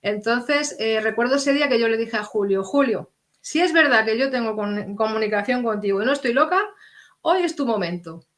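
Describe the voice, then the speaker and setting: Her voice fairly high and her pace moderate, a middle-aged woman shares a personal story as a guest on an interview. She speaks earnestly and animatedly, acting out whatever dialogue she quotes.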